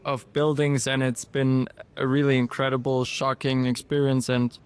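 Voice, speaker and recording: Flat-voiced man, halting speech. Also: medium pitch, smooth. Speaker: filmmaker. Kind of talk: casual interview answers.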